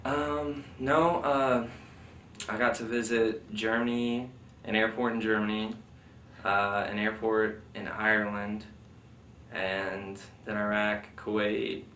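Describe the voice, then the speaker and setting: A man's lowish, level, fairly bright voice moves at a slow pace as he is interviewed about his military past. He rambles casually, leaning hard on "like" and "you know." The recording has a roomy feel from a distant mic, plus faint noise.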